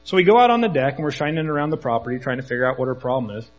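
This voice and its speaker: A man's voice: medium pitch, sing-song, rapid-fire, low-quality recording. A man who is a church elder, preaching a conversational sermon full of storytelling and jokes.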